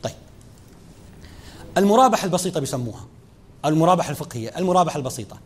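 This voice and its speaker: Rapid, lively lecturer, a man. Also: on the high side. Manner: lively teaching, speaking straight to students, mixing formal and dialect Arabic. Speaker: lecturer on Islamic finance. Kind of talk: classroom lecture.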